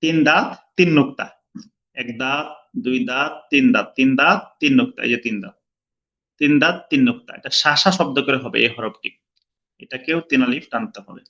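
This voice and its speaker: In an online pronunciation class, a man who teaches Quran recitation repeats each letter sound slowly and patiently, at times chanting it long. He has a Bangladeshi Bengali accent and a mid-range voice, and the recording's highs are cut off.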